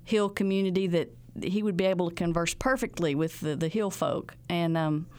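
A woman with an Ozark accent, an outreach coordinator telling stories in a folksy, drawn-out way. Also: fairly low pitch, a little mellow, clean tone. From Ozarks, Arkansas. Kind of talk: storytelling interview.

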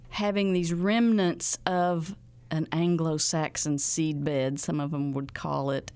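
A woman with an Ozark accent, an outreach coordinator telling stories in a folksy, drawn-out way. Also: on the low side, clear, resonant tone. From Ozarks, Arkansas. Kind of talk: storytelling interview.

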